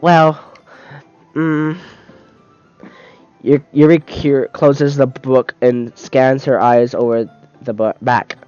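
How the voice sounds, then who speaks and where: A man's voice: medium pitch, flat delivery, slow pace, pauses often, darkish tone, smooth, dry recording. Stumbling man reading a game aloud. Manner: stumbles and restarts often while reading, laughs easily. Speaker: game streamer reading a visual novel aloud. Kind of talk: casual let's-play, reading game text aloud. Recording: dull lo-fi sound, dry close mic, faint music behind.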